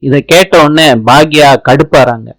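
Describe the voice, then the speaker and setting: A man's voice: on the high side, a little slow, fairly bright tone, dry recording, rough recording. Man narrating a soap recap. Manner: plain storytelling narration. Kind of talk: reading a soap episode recap.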